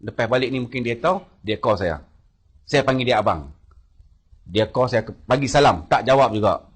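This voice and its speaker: A man with a husky, slightly breathy voice speaks to an audience. He tells his story as a public speech and acts out the phone calls he quotes by raising his voice. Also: mid-range voice, lively intonation, moderate pace.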